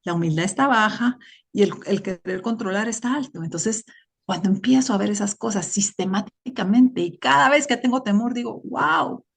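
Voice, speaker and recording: A woman's voice: mid-range voice, normal speed, vocal fry, breathy edge. A middle-aged woman giving a reflective, conversational personal recovery testimony, often checking in with her listeners. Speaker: recovery group member sharing her story.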